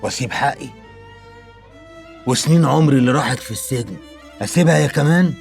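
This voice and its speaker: A man's voice: sits low, lively intonation, rapid-fire, faint music behind. An actor with an Egyptian accent playing a wronged man just out of prison who vows to take back his inheritance. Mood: defiant. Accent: Egyptian Arabic. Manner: defiant, shouting.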